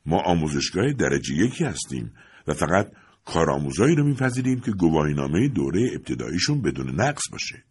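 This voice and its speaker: A man voicing a polite but firm hotel training director in an audiobook, speaking in a measured, formal way. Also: low voice, very animated, breathy edge, full character voice.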